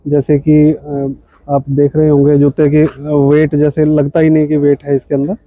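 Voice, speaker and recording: A man's voice: on the high side, monotone, normal speed, no echo, phone-quality sound. A man in his thirties explaining his company's shoes at a trade expo stall, patient and full of fillers and polite "ji, sir". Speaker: footwear company representative. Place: indoor exhibition hall stall.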